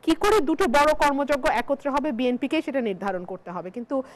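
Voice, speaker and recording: Animated high-voiced woman arguing law. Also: brisk, poor audio. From Bangladesh. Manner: argumentative, lawyerly, builds points with emphasis. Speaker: barrister and political panelist. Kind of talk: televised political debate.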